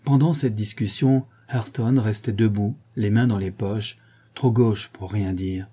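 Give me a man narrating a novel with a measured, expressive delivery. His voice is very dark and mellow, low-pitched, with a husky grain. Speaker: audiobook reader.

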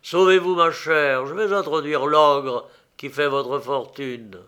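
A man's voice: on the high side, fairly even intonation, slow pace, bright, forceful tone, clean tone. A man reading an audiobook aloud, voicing an ardent young male inventor who speaks eagerly and with emphasis.

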